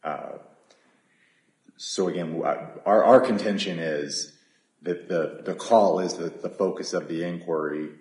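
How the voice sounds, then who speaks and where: A man attorney making an appellate oral argument, halting and often repeating his words. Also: deep voice, a little mellow, reverberant.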